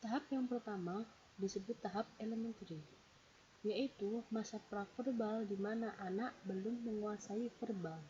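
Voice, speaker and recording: A woman's voice: medium pitch, fairly even intonation, moderate pace, warm tone. A woman giving a read-out lecture presentation, explaining steadily and counting off her points one by one. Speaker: presenter explaining a psychology theory. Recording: dull lo-fi recording with faint hiss.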